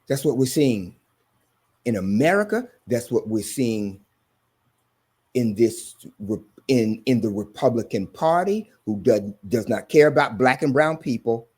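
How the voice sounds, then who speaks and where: A man's voice: mid-range voice, lively intonation, measured pace, a little mellow, breathy edge. A man hosting a sermon-style commentary, talking in an emphatic, repetitive preaching cadence. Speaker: host.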